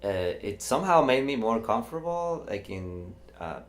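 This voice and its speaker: A man's voice: mid-range voice, very animated, normal speed. A man co-hosting a casual podcast, laughing often and talking with hesitant fillers. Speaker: podcast co-host.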